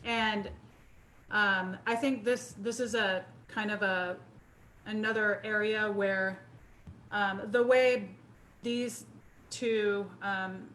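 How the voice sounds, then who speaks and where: A woman teacher co-hosting a podcast over a video call, speaking in an earnest, halting way with many fillers. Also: medium pitch, fairly even intonation, a bit bright, a little hiss or hum, poor audio. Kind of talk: casual interview chat.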